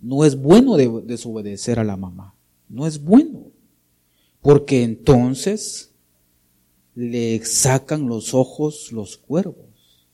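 Mellow-voiced preacher. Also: male voice, mid-range voice, very animated, slow, long pauses, slightly rough. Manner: talks straight to listeners, keeps asking for agreement and calling them brother. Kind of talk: sermon.

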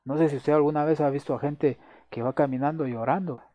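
Slow, repetitive male preacher with a mellow voice. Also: on the high side, steady tone, dry recording, muffled recording. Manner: slow, emphatic, repeating phrases; prays aloud to close. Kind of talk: sermon.

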